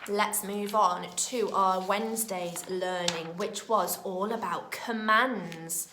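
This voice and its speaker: A woman teaching young children in a recorded lesson, with a British accent and a clear, expressive way of talking. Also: mid-range voice, echoey room, a little hiss or hum. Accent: British English. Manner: slow, clear and expressive, speaking to small children. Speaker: primary school teacher.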